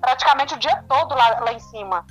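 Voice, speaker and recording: A woman's voice: high voice, lively intonation, a little fast, faint music behind, rough recording. Emphatic Brazilian woman guest. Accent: Brazilian Portuguese. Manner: emphatic, agreeing chatter. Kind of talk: casual chat.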